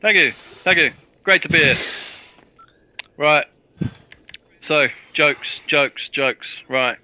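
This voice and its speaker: A man's voice: a little high, takes it slowly, dry recording. A British man from London chatting casually over game voice chat and telling cheeky one-liner jokes. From London, England. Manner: cheeky, playful, tells deadpan one-liners. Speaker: online game player.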